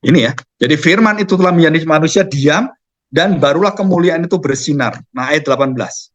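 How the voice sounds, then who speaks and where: Male preacher, high voice, emphatic sermon, rhetorical questions, dull lo-fi sound. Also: fairly quick.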